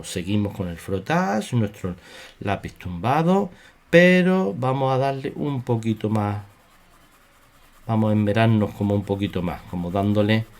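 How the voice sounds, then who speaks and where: Calm, slow-speaking art teacher. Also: male voice, on the low side. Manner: slow, repetitive, soothing instruction. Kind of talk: drawing tutorial.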